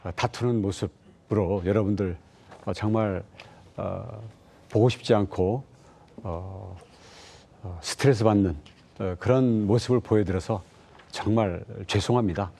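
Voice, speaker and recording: A man's voice: lowish voice, unhurried, vocal fry, pauses often, dark tone, a little hiss or hum. A man speaking in a televised debate, hesitant with many fillers and evasive replies. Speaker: debate candidate.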